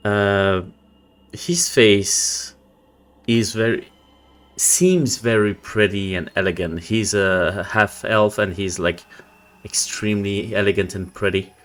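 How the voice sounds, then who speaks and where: A man with a fairly low voice runs a tabletop game. He improvises the scene as game master, informally and with hesitant phrasing. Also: slow pace, a bit bright.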